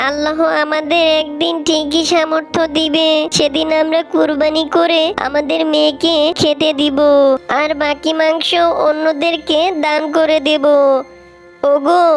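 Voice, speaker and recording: A woman voicing a caring female fox mother and wife in a cartoon, tender and tearful in manner. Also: high voice. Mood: worried. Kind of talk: cartoon voice acting.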